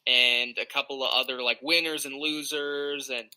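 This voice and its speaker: A man's voice: medium pitch, steady tone, moderate pace, bright, forceful tone, clear, resonant tone, low-quality recording. A man chatting casually as a guest co-host on a podcast, easygoing and agreeable.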